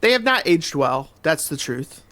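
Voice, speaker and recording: Guy with a kinda high voice laughing through podcast chat. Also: sing-song, moderate pace, bright, forceful tone. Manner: laughing, upbeat banter. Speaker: podcast co-host. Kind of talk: casual chat.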